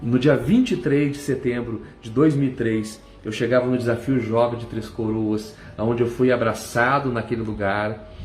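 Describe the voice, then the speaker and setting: A man's voice: medium pitch, a little mellow. A middle-aged man from Brazil, giving a fervent church testimony and breaking into cries of praise. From southern Brazil. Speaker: testimony speaker. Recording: echoey room with faint music.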